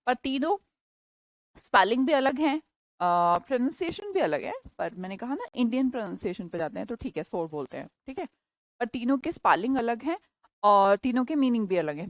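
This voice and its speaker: Woman teacher, Indian accent, slightly high voice, dry close mic. Patient classroom explainer who checks in with students a lot. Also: no room sound, poor audio. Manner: explains patiently, often checks "ठीक है?", slows down for English examples. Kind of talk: live online English class.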